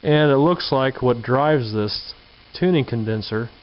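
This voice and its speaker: In a home workshop or garage, a hobbyist presenter gives a casual, hands-on show-and-tell, musing aloud in a folksy way into a handheld camera mic. His voice is medium in pitch and his pace measured. The camcorder audio is dull, lo-fi, and hissy.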